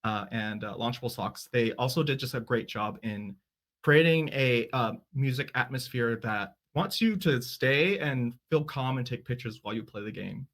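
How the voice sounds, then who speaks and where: A man on a game panel, talking casually and hesitantly, with lots of "uh" pauses. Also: mid-range voice, a bit bright. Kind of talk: casual chat.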